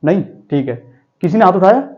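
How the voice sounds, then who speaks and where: A man's voice: sits high, expressive, normal speed, a little mellow, muffled recording. A man teaching a vocabulary class, explaining word meanings with memory tricks and asking his students questions.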